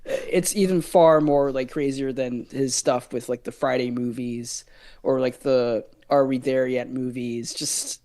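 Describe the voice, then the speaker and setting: A man's voice: medium pitch, fairly even intonation, a little slow, mellow. A young man guesting on a casual movie review, rambling with lots of fillers, slang and swearing.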